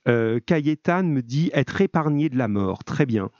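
A man's voice: medium pitch, animated, unhurried, a little mellow, no echo, lo-fi sound. A male French teacher running a live call-in lesson with his students, speaking in a friendly, informal and encouraging way. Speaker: middle-school French teacher.

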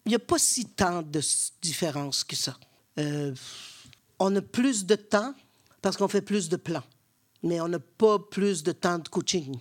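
A woman's voice: lowish voice, expressive, unhurried. A woman with a Québécois accent, an acting coach, answering interview questions on stage in a blunt, frank way. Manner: blunt, frank, acts out quoted exchanges. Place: theatre stage with live audience.

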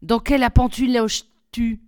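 A woman reading aloud, voicing an eager, cheerful young prince in a lively, raised voice. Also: a little high, a little slow, lightly acted. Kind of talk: storybook reading.

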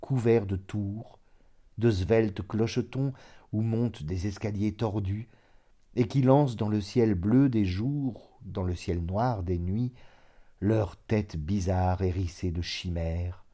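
A man reading a literary story aloud in a measured, dramatic narration. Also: on the low side, mellow. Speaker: audiobook narrator.

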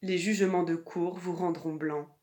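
A woman reading a classic verse fable aloud in a measured, deliberate recitation. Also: on the low side, steady tone, darkish tone. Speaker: reader.

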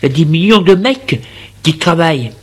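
A man's voice: on the high side, animated, fairly quick. A man voicing a brusque young woman student who is curt and scolding in a spoken story.

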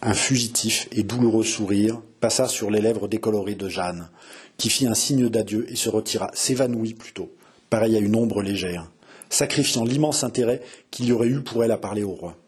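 A man reading a historical novel aloud with dramatic, expressive narration. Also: on the low side, moderate pace, slightly rough. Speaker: audiobook reader.

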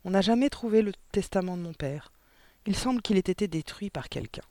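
Man voicing a timid young schoolteacher, soft-spoken, high voice, dry sound. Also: animated, brisk, no room sound. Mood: earnest.

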